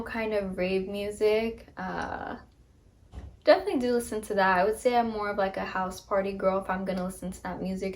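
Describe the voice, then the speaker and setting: A woman in her twenties chatting casually about herself, upbeat and full of ums, recorded on a phone. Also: medium pitch. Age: 20s. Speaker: podcast host. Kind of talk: casual get-to-know-me chat. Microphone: phone camera.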